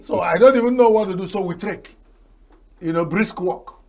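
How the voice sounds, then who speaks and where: Over crowd noise, an older Nigerian man, an Igbo first-language speaker, delivers folksy TV talk show commentary at a moderate pace in a high-sitting voice. He packs his talk with proverbs and chuckles at his own jokes.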